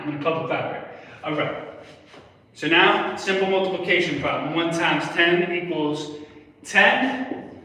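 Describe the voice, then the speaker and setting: Standing at a whiteboard in a public library room, a young man streams a relaxed math lesson, walking through each step and going over points more than once. He has a fairly high, sharp-toned voice. The phone camera sits a step away, so the sound is distant and echoey.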